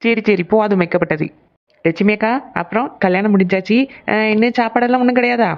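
A woman's voice: medium pitch, fast talker, lightly acted. A woman voicing a cheerful, teasing young female relative in a cartoon. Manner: teasing, lively. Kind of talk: cartoon voice acting. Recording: slightly dull sound.

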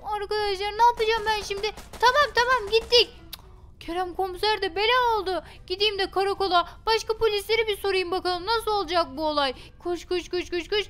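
A woman's voice: very high-pitched, brisk, a bit bright. A woman hosting a game role-play, narrating dramatically and exclaiming to her viewers.

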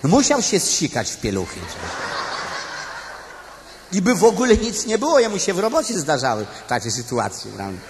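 A man's voice: high voice, wildly swooping pitch, moderate pace, slight background noise. A man performing a live cabaret monologue, chatting straight to the audience in a storytelling manner with tag questions. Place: stage before a live audience. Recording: live stage recording with long hall reverb and music.

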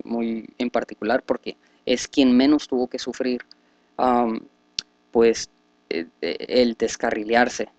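A man's voice: mid-range voice, a little mellow, no room sound, dull audio. A man leading a Bible study, reading scripture aloud and then explaining it at length with many fillers and restarts. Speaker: religious teacher.

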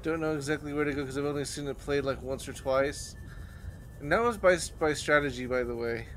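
A man in his thirties gives casual commentary while playing a video game on webcam in a small indoor room, with game music in the background. His voice is on the high side and brisk, with a little hiss or hum.

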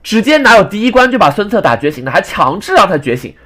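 A young man recounts an annoying teammate from an online card game, griping and restarting his sentences as he goes. He talks quickly in a slightly high voice that swings up and down with feeling. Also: sing-song, sharp tone. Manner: ranting, exasperated retelling with frequent restarts. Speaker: game commentator. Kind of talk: casual gameplay storytelling.

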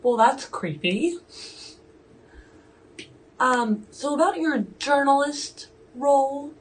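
A woman playing in a tabletop game, asking curious questions slowly. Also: high-pitched, animated, a little hiss or hum, rough recording.

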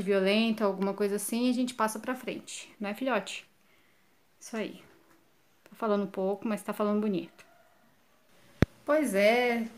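Chatty Brazilian woman vlogging at home. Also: on the high side. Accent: Brazilian Portuguese. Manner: chatty, addresses viewers directly. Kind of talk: casual home vlog. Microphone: handheld phone.

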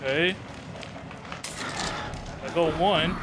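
Hyped high-pitched gamer bro. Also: male voice, very slow, background noise. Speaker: gaming video host. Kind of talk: horror game let's play commentary.

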